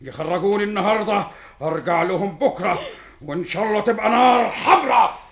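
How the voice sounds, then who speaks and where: A wicked, commanding demon king in Egyptian radio fantasy. The voice is fairly high and heavily gravelled, boastful and theatrical, with an evil-laughing menace. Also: expressive, brisk, crowd noise. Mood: menacing, scheming.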